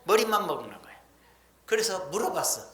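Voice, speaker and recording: A woman's voice: on the low side, big pitch swings, moderate pace, fairly bright tone. A woman preacher giving a sermon in a folksy, emphatic storytelling manner, with blunt everyday speech. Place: church sanctuary. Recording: echoey church hall.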